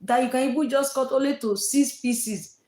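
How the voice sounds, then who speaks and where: Her voice sits high and slightly mellow at normal speed as this Nigerian woman, with a Nigerian accent, hosts a casual livestream chat in an echoey room. Emphatic and repetitive, she says things more than once for emphasis and uses fillers such as "eh" and "oh."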